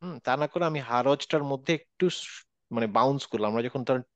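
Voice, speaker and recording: A male recitation teacher in an online class, explaining rules and demonstrating sounds slowly with many repetitions. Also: medium pitch, fairly bright tone, no echo. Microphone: video call. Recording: dull, dry online call audio.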